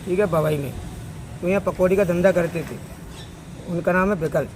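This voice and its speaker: Agitated man, high voice, street traffic. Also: normal speed, poor audio. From Madhya Pradesh, India. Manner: agitated, demanding justice. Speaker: victim's brother. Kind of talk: street interview. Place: outdoors by a road. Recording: outdoor street with traffic noise.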